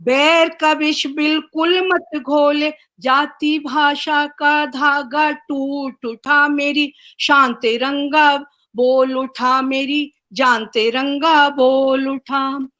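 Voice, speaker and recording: High-voiced woman reciting poetry very slowly. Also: steady tone, pushed and bright. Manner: chanted verse with repeated lines. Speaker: guest poet.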